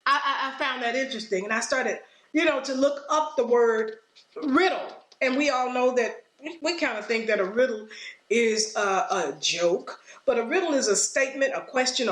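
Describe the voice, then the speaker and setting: A woman's voice: fairly high pitch, a bit bright, echoey room. A woman teaching from the Bible on a podcast, reading verses and then retelling them in loose, everyday speech. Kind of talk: conversational scripture teaching.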